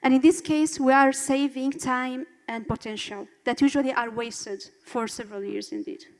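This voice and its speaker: High-voiced woman demoing an app. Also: fairly even intonation, moderate pace, darkish tone, in a large hall, slight background noise. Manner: walks through steps, filler uhs. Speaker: student presenting her app. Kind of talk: demo presentation.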